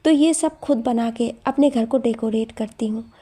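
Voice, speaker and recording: Woman doing a sweet older auntie neighbour, fond and welcoming, husky kinda mellow voice. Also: on the high side, normal speed. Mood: cheerful. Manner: gentle, fond and hospitable.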